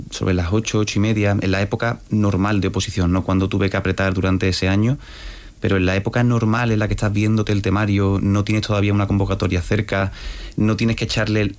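A man's voice: on the low side, a little mellow. A man speaking as an interview guest, telling anecdotes in a reflective manner. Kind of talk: interview conversation.

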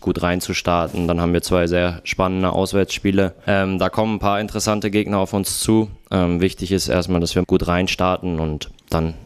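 A man's voice: low voice, smooth, no room sound. A man, a football player, giving a short interview answer, hesitant and full of fillers. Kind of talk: interview soundbite.

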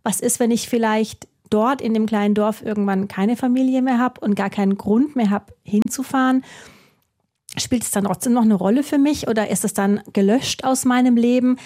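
Mellow-voiced German woman author. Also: a little high, steady tone, moderate pace. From Baden-Württemberg. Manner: thoughtful, musing, with rhetorical questions. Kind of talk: reflective interview answers.

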